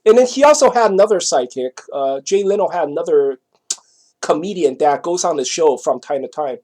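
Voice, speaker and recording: Speaking in a slightly high, expressive and somewhat mellow voice, a middle-aged man from Taiwan recounts a personal story. His Taiwanese-accented delivery is casual, meandering, hesitant and repetitive, and he keeps checking that the listener follows along.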